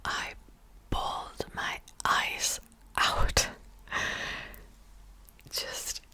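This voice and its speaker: A Czech ASMR creator, a native Czech speaker, whispers slowly and softly without voicing as she wraps up a reading. She rambles a bit and lets out small laughs. The recording is rough.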